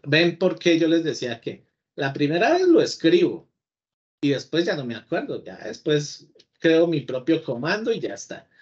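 A man's voice: fairly high pitch, very animated, moderate pace. A man teaching a live coding class, chatting and talking to his computer as if it were a person. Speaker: programming teacher. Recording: slightly dull lo-fi audio.

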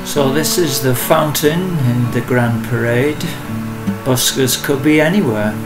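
A man talks his way through a city street tour in an easy, chatty commentary voice, with middle pitch. Loud busker music plays behind him the whole time, guitars and strings filling the street. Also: a little slow, poor audio. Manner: chatty, touring commentary with asides. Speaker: host and interviewer. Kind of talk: casual documentary narration.

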